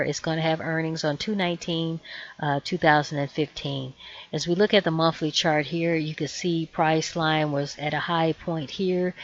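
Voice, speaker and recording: A woman with a hoarse, fading voice giving a measured, explanatory stock chart tutorial over a screen share, adding cautionary asides. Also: low-pitched, dull audio. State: hoarse, losing her voice. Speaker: trading educator.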